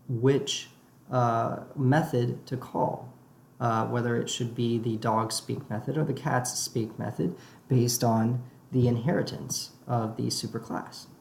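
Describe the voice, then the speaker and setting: A man giving a casual programming lesson, halting with frequent "uh" fillers, on a low-quality recording made away from his usual equipment. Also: vocal fry, a little mellow. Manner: halting, with many "uh" fillers while explaining. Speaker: programming tutor. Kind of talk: casual spoken lecture over diagrams. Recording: echoey room, faint background noise.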